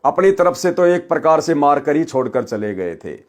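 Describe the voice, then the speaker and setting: A man's voice: a little high, very animated, normal speed. A male preacher reading a scripture story aloud and stopping to comment, calling his listeners brothers and sisters.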